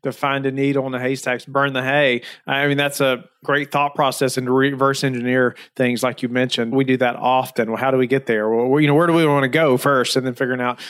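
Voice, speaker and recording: A man's voice: medium pitch, little pitch movement, brisk, few pauses, fairly bright tone. A man hosting a podcast interview, talking casually with many fillers. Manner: friendly, filler-heavy talk with many "you know"s. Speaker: host.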